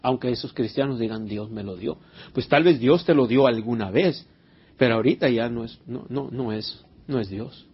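Husky preacher, earnest and questioning. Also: male voice, mid-range voice, normal speed. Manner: earnest, repeats words, asks the congregation questions. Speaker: pastor. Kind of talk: conversational sermon with Bible study. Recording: dull lo-fi recording.

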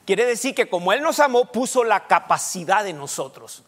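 Male pastor, high voice, sermon in a reverberant church hall. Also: very animated, fairly bright tone. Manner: preaching with questions to the congregation, rushed bursts. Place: church sanctuary.

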